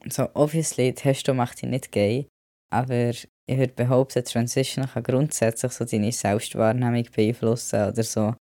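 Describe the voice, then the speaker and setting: A man's voice: medium pitch, steady tone, moderate pace, warm tone, no room sound, studio quality. A man with a Swiss German accent talking in a casual vlog monologue, chatty and mixing in English words. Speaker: vlogger.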